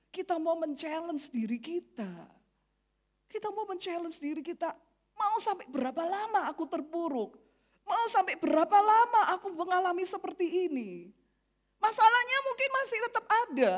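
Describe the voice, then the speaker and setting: A woman pastor, preaching a sermon with animated, emphatic repetition. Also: high voice.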